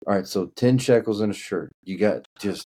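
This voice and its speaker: With a lowish, mellow, husky voice at a moderate pace, a Kentucky-accented man from Kentucky, United States, chats casually on a podcast as a guest. He keeps repeating and restarting words as he searches for them.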